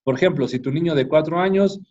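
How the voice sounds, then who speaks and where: A man's voice: a little high, fast, darkish tone. A middle-aged man giving an informal talk to parents, often ending phrases with a questioning tag and restarting. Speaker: parenting course speaker. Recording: dull lo-fi recording.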